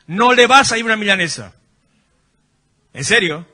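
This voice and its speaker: A man's voice: high voice, expressive, normal speed, pushed and bright. A male pastor, preaching a sermon and putting questions to his congregation. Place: church.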